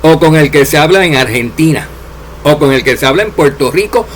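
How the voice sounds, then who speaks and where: A man preaching a sermon, addressing his listeners directly and letting his voice drop low and soft at the ends of phrases. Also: animated, brisk, slight background noise. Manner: addresses listeners as dear servants, drops voice at endings.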